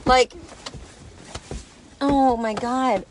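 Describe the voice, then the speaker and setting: Heavy background noise surrounds a high-pitched woman who draws out her words. A mother in her thirties, she's vlogging casually from a parked truck under an open umbrella, phone at arm's length, flustered and laughing in exasperation.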